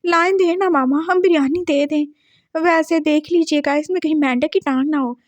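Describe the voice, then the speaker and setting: A woman's voice: sits high, normal speed, dry recording, close to an everyday voice. A woman voicing a flustered, squeamish young man who nervously dodges and jokes his way out, in a told drama story. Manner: nervous, dodging.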